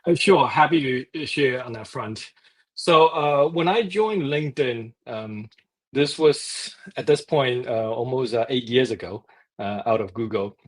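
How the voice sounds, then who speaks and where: A New man with a mid-range voice talks as a livestream guest. He speaks in a halting way, full of ums and uhs, and laughs lightly as he explains. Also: mid-range voice. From New Zealand. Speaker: guest, startup co-founder. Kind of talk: casual interview chat.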